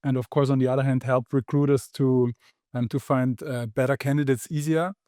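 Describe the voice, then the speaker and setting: Guest guy, flat mellow voice, dry close sound, slow with ums. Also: medium pitch, dry recording. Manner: measured, hesitant with ums. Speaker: guest, startup founder. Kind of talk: casual podcast conversation.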